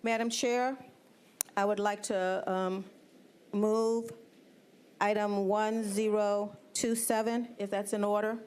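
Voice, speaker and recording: A woman's voice: medium pitch, little pitch movement, slow pace, darkish tone, a little hiss or hum. Stumbling woman speaking at a council meeting. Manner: stumbling, apologetic. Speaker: council member. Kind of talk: informal remarks at a council meeting.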